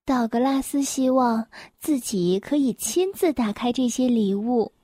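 A woman reads a children's picture book aloud in a gentle, clear, expressive way. Her voice sits high and light. The sound is dry and close. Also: measured pace, no room sound. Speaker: storyteller.

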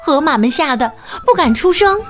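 A woman reading a children's picture book aloud as a storyteller, slow and expressive. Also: sits high, faint music behind. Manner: slow, expressive, sing-song.

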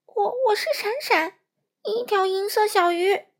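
A woman voicing a small silver fish, a brave and eager little male creature who talks in a high, excited voice. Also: a little slow. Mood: startled.

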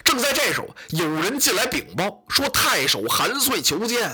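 Traditional storyteller, dramatic and declaiming, lively swings, sharp forceful tone. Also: medium pitch, moderate pace, slightly rough.

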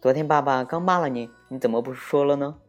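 A man's voice: mid-range voice, fast talker, faint music behind, voice pushed up, lightly acted. A man doing an earnest, curious little boy. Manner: earnest, questioning.

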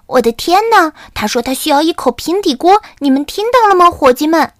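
A woman voicing a brave, excitable little chick who talks high and loud. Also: fairly quick, dry recording, studio quality. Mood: excited.

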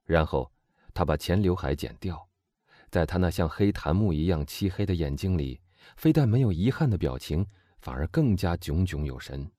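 A man narrating a classic novel as an audiobook reader, measured and expressive. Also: sits low, no room sound, studio quality. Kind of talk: scripted narration.

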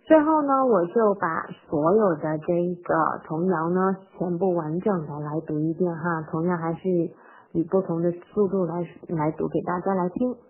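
Woman teaching a nursery rhyme over tinny audio. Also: on the low side. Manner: explains patiently, reads the English lines slowly and clearly. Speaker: English teacher for parents and toddlers. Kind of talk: recorded phonics lesson on a nursery rhyme.

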